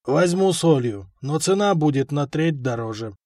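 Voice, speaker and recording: A man's voice: on the high side, animated, normal speed, darkish tone, dry recording, studio quality. A man doing a cold, cunning merchant. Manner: icy, calculating.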